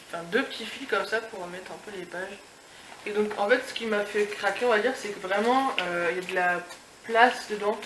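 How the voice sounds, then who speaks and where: A woman's voice: mid-range voice, a bit bright. Gushing young woman in echoey room. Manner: gushing, full of fillers and restarts. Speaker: beauty and lifestyle vlogger. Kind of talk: casual unboxing review. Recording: echoey room with background noise.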